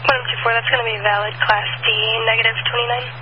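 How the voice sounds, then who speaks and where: A female police dispatcher speaking over a police radio, brisk and matter-of-fact. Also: fairly high pitch, little pitch movement. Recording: dull distant radio with faint hiss.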